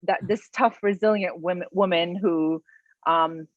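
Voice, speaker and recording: A woman's voice: fairly low pitch, steady tone, a little slow, no echo. A woman in her thirties, a guest author, talking in an earnest, emotional and personal way in a casual interview. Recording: dull, slightly lo-fi, dry sound.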